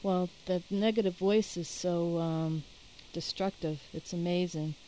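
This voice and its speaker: A woman's voice: on the low side, steady tone, a little slow, mellow, a little hiss or hum, poor audio. A woman interviewing a guest, asking conversational questions and thinking aloud as she goes.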